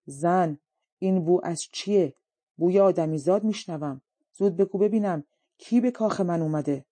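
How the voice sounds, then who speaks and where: A woman's voice: lowish voice, no echo, lightly acted. A woman voicing a commanding male dragon king in an audiobook story. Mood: suspicious. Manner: loud, commanding.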